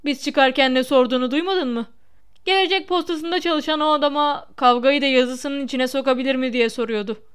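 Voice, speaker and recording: A woman's voice: high voice, brisk, a bit bright. A woman reading aloud as a cheeky teenage wizard boy with a wry, teasing manner.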